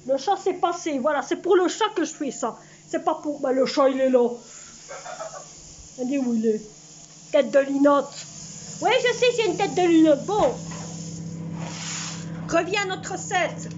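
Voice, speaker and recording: A middle-aged woman chatting casually to her viewers in her home kitchen as she cooks, talking straight to camera. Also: high-pitched. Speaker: cooking vlogger. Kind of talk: casual cooking vlog. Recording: dull lo-fi sound, faint noise.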